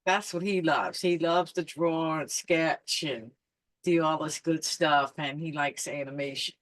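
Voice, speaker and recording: A woman's voice: low-pitched, steady tone, measured pace, dry recording. A woman hosting an interview show, introducing her guest with upbeat enthusiasm and asking questions. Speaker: podcast host.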